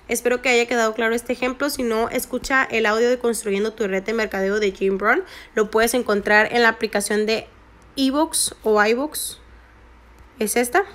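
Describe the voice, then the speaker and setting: A network marketing vlogger in her 20s narrates a screen-recorded phone tutorial in a fairly high, slightly bright voice. She chats through it, repeating her points for emphasis.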